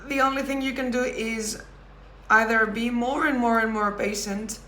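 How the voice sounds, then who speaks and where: A woman giving a pick-a-card tarot reading, talking thoughtfully with pauses and self-corrections. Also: on the high side, fairly even intonation, a bit bright, roomy sound, slight background noise. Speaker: tarot reader.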